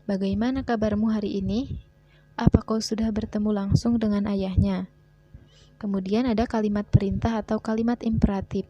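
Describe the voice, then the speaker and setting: Measured female teacher, warm low timbre, faint background music. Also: muffled recording. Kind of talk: scripted grammar lesson narration.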